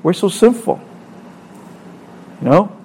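Recorded in low quality, this middle-aged preacher from El Salvador speaks in a high-pitched, animated voice that is slow, darkish and breathy-edged. He delivers his sermon earnestly with a Salvadoran Spanish accent, asking rhetorical questions and repeating phrases.

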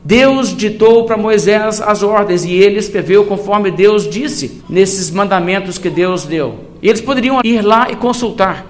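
Man, high voice, Bible teaching, measured, emphatic. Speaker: preacher.

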